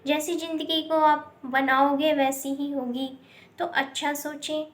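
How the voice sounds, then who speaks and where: Woman storyteller, high-pitched, plain repetitive moral-story narration. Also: fairly bright tone. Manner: plain, repetitive, mixes in English words.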